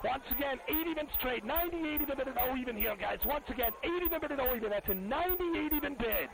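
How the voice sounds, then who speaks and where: A man giving live market commentary as a trading floor announcer, shouting prices in a frantic, urgent, repetitive way over a very noisy recording. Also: very high voice, lively intonation, fast, creaky.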